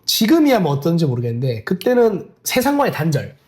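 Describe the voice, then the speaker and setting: A young man recounting his special forces training days on a podcast. He talks quickly, his pitch rising and falling a lot as he tells the stories, and he breaks into laughter often. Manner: animated storytelling with laughs. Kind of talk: casual podcast chat.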